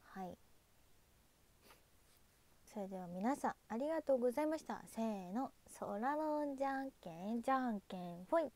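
Young woman, casual livestream chat, thanks viewers, fairly high voice. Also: animated, normal speed, long pauses, darkish tone. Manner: chatty, reads viewer names and thanks them, waves goodbye. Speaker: idol livestreamer.

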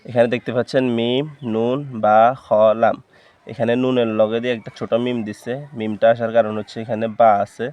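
A man's voice: mid-range voice, flat delivery, fairly quick, a little mellow, clean tone. A man teaching Quran reading, patiently spelling out letters and syllables one at a time. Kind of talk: slow spelling-out recitation lesson.

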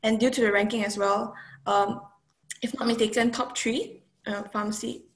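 Soft-spoken young woman from Malaysia. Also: a little high, little pitch movement, moderate pace, gravelly. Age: young adult. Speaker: student panellist. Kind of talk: casual video-call chat. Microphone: video call.

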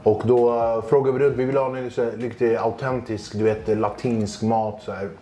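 A man's voice: medium pitch, little pitch movement, mellow, reverberant, a little hiss or hum. A man, a stand-up comedian, telling funny anecdotes in a casual chat, acting out quoted voices and laughing often. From Sweden, Kurdish family roots. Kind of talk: casual chat, animated storytelling.

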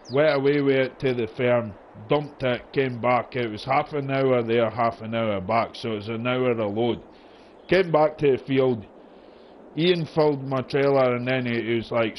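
A man's voice: mid-range voice, a little slow. A man with a broad Scottish accent chatting casually, telling rambling stories in a colloquial way. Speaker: gamer chatting during a farming game session. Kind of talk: casual chat. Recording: dull lo-fi voice chat with noise.

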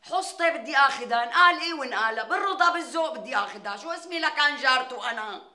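An actress playing a scheming, melodramatic neighbor woman with a Damascene Syrian accent, who wails, flatters and wheedles in a TV sitcom. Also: high-pitched, racing, reverberant, crowd noise. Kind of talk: TV sitcom acting.

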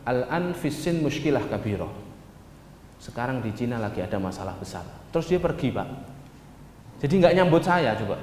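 Male Indonesian storyteller, animated, long hall reverb. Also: a little high, a little hiss or hum. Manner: lively, addresses listeners as "Pak", acts out dialogue. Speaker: speaker recounting a journey. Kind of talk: storytelling talk to an audience.

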